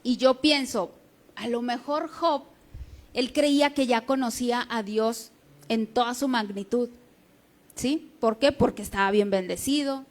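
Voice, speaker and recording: A woman delivers a sermon in a high voice. She teaches in a conversational way, often pausing to ask her congregation whether they follow. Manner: conversational teaching with frequent checking questions. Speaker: preacher.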